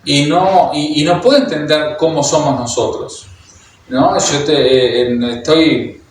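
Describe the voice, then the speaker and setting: Uruguayan guy preaching a sermon, kinda high voice, lots of ums and restarts, super echoey church room. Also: fairly even intonation, slow pace, a little hiss or hum. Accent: Uruguayan Spanish. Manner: hesitant, many fillers and restarts, speaks directly to the congregation. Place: church hall. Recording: very echoey hall, heard from a distance.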